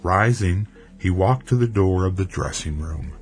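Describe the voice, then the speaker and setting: A man narrating a dramatic story in a measured, even way, with faint music underneath. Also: sits low.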